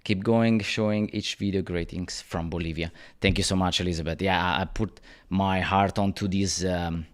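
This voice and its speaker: In his rented apartment, a man in his thirties hosts a casual YouTube livestream, greeting viewers by name. He talks at normal speed in a low voice with fairly even intonation, full of fillers and restarts.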